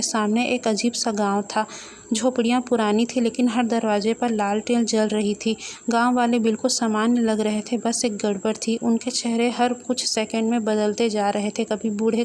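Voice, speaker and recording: Woman storyteller reading a funny spooky fan story, bit high voice, faint hiss. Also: level tone, moderate pace, darkish tone. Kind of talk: narrating a comic horror fan story.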